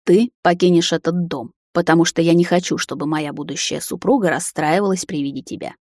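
Woman voicing a cold male vampire lord, low, slow and stern, dry storybook read. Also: fairly even intonation, darkish tone, no echo, natural voice. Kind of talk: audiobook character voice.

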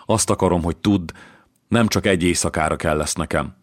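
Brief: male reader doing an ardent young lover, hushed pleading, deep voice, dry close sound. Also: no room sound. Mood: tender whisper. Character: young Venetian man, ardent secret lover.

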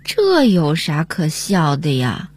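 一位女主持人用俏皮的口吻进行广播闲聊。. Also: female voice, low voice, wildly swooping pitch, takes it slowly, noisy background. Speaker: radio show co-host. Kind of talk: scripted casual chat.

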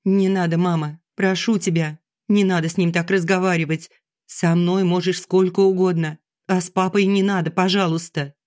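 A narrator voicing a distressed young daughter who pleads earnestly and gently with her mother, in an audiobook. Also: mid-range voice, fairly even intonation, unhurried, pitched above the performer's own voice, natural voice. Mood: pleading. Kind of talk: audiobook character reading.

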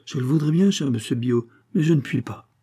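A man's voice: mid-range voice, animated, fairly quick, dark tone, breathy edge, voice pushed up. A man reading aloud as a naive young peasant lad who talks in an earnest, pleading way.

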